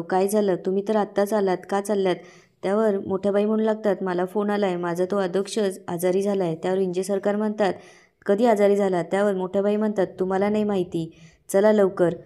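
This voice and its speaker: A woman narrating a recap of a TV serial episode, reading the characters' lines aloud with lively emphasis. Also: mid-range voice. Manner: reads quoted dialogue with lively emphasis. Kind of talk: storytelling recap with voiced quotes.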